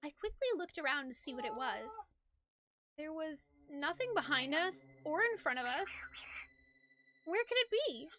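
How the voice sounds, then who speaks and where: Her voice sits high and is very animated, moving a little slowly as this woman streamer reads a game's story aloud in a storybook style. She also chats casually about her playthrough, with loud game music and some slight background noise behind her.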